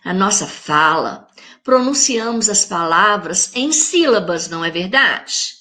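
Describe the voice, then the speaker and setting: A woman teaching a recorded lesson for young children with a Brazilian Portuguese accent. She is patient, checks in with the children and sounds words out slowly. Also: medium pitch, expressive, bright, forceful tone. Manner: patient, speaks straight to the children with check-in questions; spells words out syllable by syllable. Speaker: primary school teacher.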